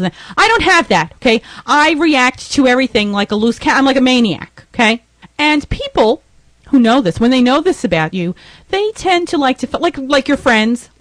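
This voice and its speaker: A woman's voice: fairly high pitch, no room sound. Rambling woman podcast host, dry sound. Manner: rambling, venting, exasperated outbursts. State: stuffy from a sinus headache. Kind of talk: casual monologue.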